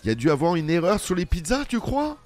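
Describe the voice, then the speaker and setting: This gamer speaks fast in a high-pitched, sing-song voice, with soft music in the background. He improvises as a shop game cashier, chatting with customers and playfully talking back to his unheard boss.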